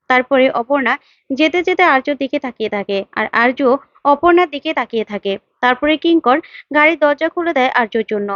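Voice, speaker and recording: A woman's voice: high-pitched, no room sound, lo-fi sound. A woman casually retelling a serial episode step by step. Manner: plain, step-by-step narration. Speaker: storyteller recapping a serial.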